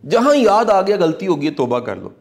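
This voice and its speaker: A man's voice: high voice, big pitch swings. A middle-aged man giving a motivational talk in an earnest, preacherly way, repeating key lines for emphasis. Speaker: motivational speaker. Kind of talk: reflective commentary talk.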